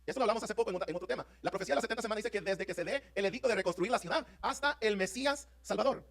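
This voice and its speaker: Male pastor, rapid-fire fervent sermon delivery, high voice. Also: fairly bright tone. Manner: fervent, rapid preaching with rising emphatic peaks; addresses congregation as brothers, asks "¿están conmigo?". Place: church sanctuary.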